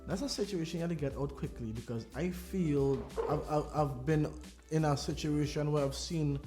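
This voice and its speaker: Man, podcast co-host, casual chat, animated, laughing, slightly high voice. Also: normal speed, over music. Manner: animated, laughing, retells stories with acted voices.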